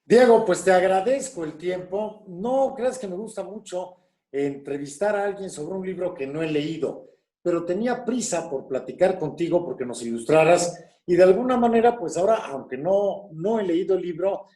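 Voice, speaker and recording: A male interview host thanking his guest and giving warm, friendly closing remarks. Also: sits high, expressive, normal speed. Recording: echoey room.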